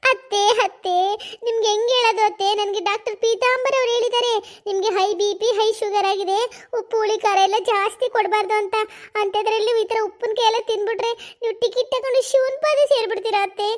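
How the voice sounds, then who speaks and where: A scheming young daughter-in-law, voiced by a woman in a cartoon comedy, her voice pitched very high and squeaky. She fusses and coaxes with mock sweetness, slipping in English catchphrases. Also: fairly even intonation, fast talker. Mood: sly scolding. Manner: fussy and coaxing, sprinkles English catchphrases.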